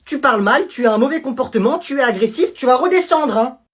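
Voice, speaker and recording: A man's voice: very high-pitched, animated, quick pace, fairly bright tone, breathy edge, pitched above the performer's own voice, heavily acted. A young man voicing a strict adult woman who scolds a rude pupil in an indignant, lecturing way. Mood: scolding.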